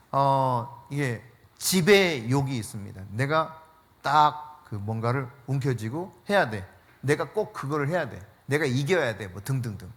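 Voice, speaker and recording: A man preaching a sermon as pastor, telling stories in an animated way with frequent laughter and dropping to a hushed voice for emphasis. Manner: drops to a hushed low voice for emphasis.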